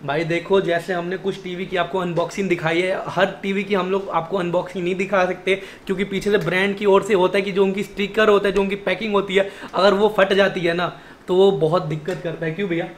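A man's voice: sits high, level tone, fairly quick, slight background noise. A young man in his twenties with a Delhi accent, hosting a casual vlog and chatting in a friendly way, recorded on a phone held at arm's length in a small indoor shop office. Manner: chatty, friendly, calls the other man brother. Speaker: vlogger host. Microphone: phone camera held at arm's length.

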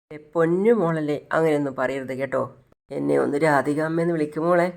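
A woman's voice: low-pitched, quick pace, vocal fry, a little mellow. A woman voicing a coaxing, sugary stepmother. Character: scheming woman suddenly sweet to stepchild.

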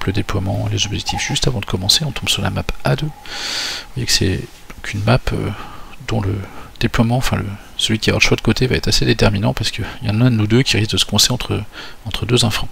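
A man's voice: on the low side, fairly even intonation, fairly quick, creaky, a bit bright, slight background noise. A man walking through his tabletop army list for a battle report, talking hesitantly with many fillers and restarts. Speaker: tabletop wargame player.

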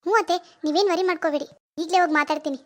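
Woman voicing a gentle young daughter-in-law. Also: very high-pitched, rapid-fire. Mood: reassuring. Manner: soft, reassuring, polite. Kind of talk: animated family drama voice acting.

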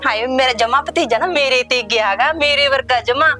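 Actress for an effusive village aunt; bright high voice, music under. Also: female voice, moderate pace. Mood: overjoyed. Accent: Indian Punjabi. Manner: effusive, exclamatory. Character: childless paternal aunt, doting and emotional. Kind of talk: village family short film acting.

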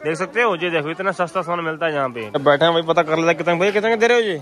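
A man with a slightly high, fairly bright voice talks at a racing pace, vlogging from a busy outdoor street market. His running commentary to viewers is repetitive and salesy, and he keeps asking vendors their prices.

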